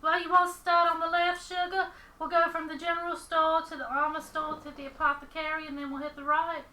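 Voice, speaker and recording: A woman's voice: very high voice, flat delivery, a little fast, pushed and bright, reverberant, low-quality recording. A woman playing a tabletop game, sweet-talking and calling others sugar. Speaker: player. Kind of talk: casual tabletop play.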